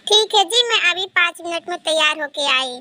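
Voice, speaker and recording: A man's voice: very high-pitched, expressive, brisk, bright, forceful tone, a little hiss or hum, full character voice. A man voicing a humble, polite young bride in a cartoon, speaking meekly. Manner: meek, respectful. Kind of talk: cartoon voice acting.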